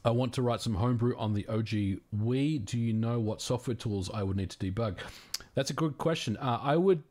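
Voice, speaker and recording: An Australian man hosts a casual livestream, briskly answering viewer questions in a mid-range voice. He's relaxed and friendly, with frequent fillers and restarts.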